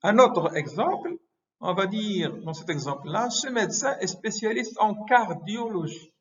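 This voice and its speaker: A man giving a medical lecture, halting often with hesitations and self-corrections. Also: high-pitched, lively intonation. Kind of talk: explanatory lecture. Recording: muffled lo-fi recording.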